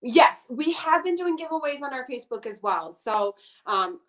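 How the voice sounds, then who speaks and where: High, lively woman business guest. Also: moderate pace. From Indiana, US. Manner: lively, playful, laughs easily. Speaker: guest, small business owner. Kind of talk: casual interview chat.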